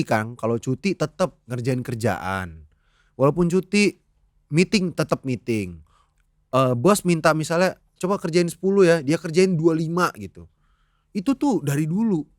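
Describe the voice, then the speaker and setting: Young guy w telling stories on a podcast, laughs a lot, throws in english, bit high voice, dry sound. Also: normal speed, dry recording. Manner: animated storyteller, mixes in English, often laughs. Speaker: podcast guest, impersonator. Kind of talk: casual chat.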